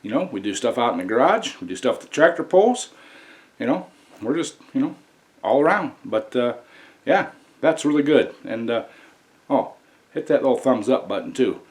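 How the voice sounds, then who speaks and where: A man's voice: mid-range voice, very animated, normal speed, long pauses, a little mellow. An American man hosting a casual home cooking vlog, talking to viewers in a folksy, plain-spoken way. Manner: folksy, addresses viewers as y'all. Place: indoor home kitchen. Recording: clear background noise, kitchen ambience.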